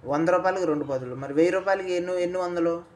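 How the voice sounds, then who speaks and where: A man's voice: sits high, fast talker. A man quizzing a young boy in a casual way, coaxing him along and repeating his answers back, then dictating lines phrase by phrase for the boy to repeat.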